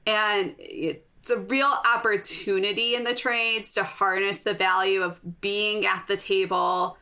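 A woman's voice: medium pitch, flat delivery, measured pace, sharp tone. A woman with a Chicago accent, a podcast guest, answering eagerly. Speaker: guest, association staff. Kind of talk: interview answers.

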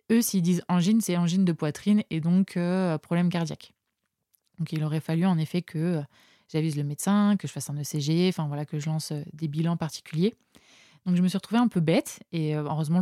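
A woman's voice: lowish voice, mellow, no echo. A French woman, a nurse guest in a podcast studio, telling anecdotes casually with many hesitant fillers. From France.

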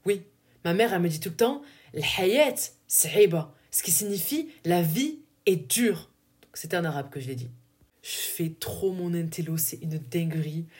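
A woman's voice: on the low side, expressive, a little fast, a little mellow. A young woman with a southern French accent hosting a casual solo podcast, talking in a chatty, filler-heavy way and laughing at herself. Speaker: podcast host.

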